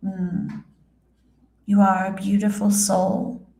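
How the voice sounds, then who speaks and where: Woman channeling a very slow, solemn spirit, seance-medium style. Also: medium pitch, level tone, gravelly, dark tone. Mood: serene, solemn. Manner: halting, solemn, measured, with hums and long pauses. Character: serene female spirit guide speaking through a seance medium. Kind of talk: trance channeling, addressing listeners as a spirit. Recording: roomy, echoing sound.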